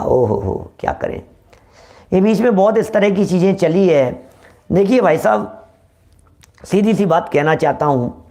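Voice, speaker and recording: A man's voice: a little high, darkish tone. A man giving a religious discourse, explaining in a repetitive way and addressing listeners familiarly. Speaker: religious lecturer.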